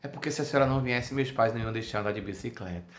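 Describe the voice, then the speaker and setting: A man voicing a frail, gravely ill young boy who speaks softly and earnestly in a spiritist talk. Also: medium pitch, very fast, lightly acted. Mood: pleading. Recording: echoey room, muffled sound.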